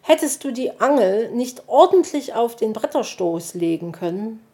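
A woman's voice: a little high, big pitch swings, dark tone, pitched above the performer's own voice. A woman voicing a grumpy male owl in a storybook who speaks irritably and in a hurry. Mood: irritated. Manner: irritated, hurried. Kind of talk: storybook reading.

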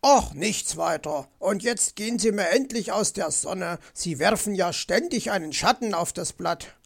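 Narrator as fox, bossy, grumbling, gravelly, storybook. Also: mid-range voice, animated, measured pace. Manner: grumbling, lecturing. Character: fussy, bossy male fox.

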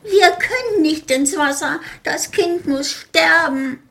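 A woman putting on the high voices of tiny fairy folk. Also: slow. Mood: panicked. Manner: high, bright and excited.

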